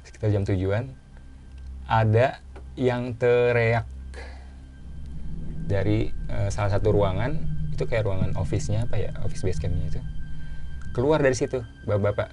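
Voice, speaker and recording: A man with a casual way of talking, telling his own story as a guest in a relaxed chat and repeating phrases for emphasis. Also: lowish voice, brisk, soft background music.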